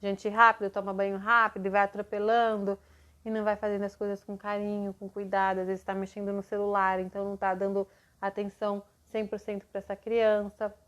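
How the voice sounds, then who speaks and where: A woman's voice: medium pitch, flat delivery, fairly quick, a bit bright. A woman mentoring parents in a live online session, explaining patiently and acting out what to say to a child.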